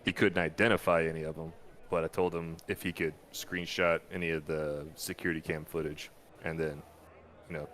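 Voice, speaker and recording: A man's voice: extremely low pitch, fairly bright tone. A man playing a tabletop role-playing game, laid-back and slangy as he talks through leads. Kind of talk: casual play chat.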